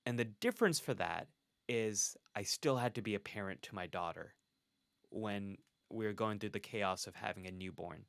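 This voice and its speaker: A man's voice: fairly low pitch, normal speed, creaky, a bit bright, no room sound, studio quality. A man, a clinical psychologist, telling a personal story in a candid interview. He speaks earnestly and reflectively, and laughs often between thoughts. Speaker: clinical psychologist, podcast guest.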